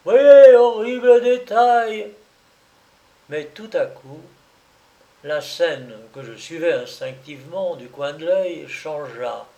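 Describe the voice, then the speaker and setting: A man narrating a literary story in a measured, expressive reading. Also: fairly high pitch, vocal fry, roomy sound.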